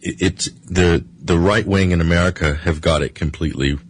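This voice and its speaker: A man with a husky voice giving analytical political commentary as an interview guest, emphatically laying out points one by one with halting starts. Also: low-pitched, steady tone.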